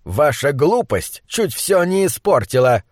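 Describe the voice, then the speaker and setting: A man voicing an old Austrian mentor who speaks in a measured, placating way. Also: a little high, sing-song, darkish tone, no room sound, clean studio sound. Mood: soothing.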